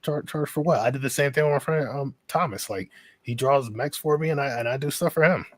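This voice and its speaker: A man co-hosting a casual livestream chat, talking in quick bursts with lots of restarts and laughs. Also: mid-range voice, no room sound. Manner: animated, stumbling restarts, laughs often. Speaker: podcast co-host.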